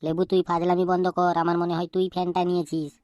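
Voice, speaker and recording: A woman voicing a stern male schoolteacher in a cartoon, talking quickly as he interrogates and threatens his pupils. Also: on the low side, level tone, darkish tone, dry recording, clean studio sound, close to an everyday voice. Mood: scolding. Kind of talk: cartoon voice acting.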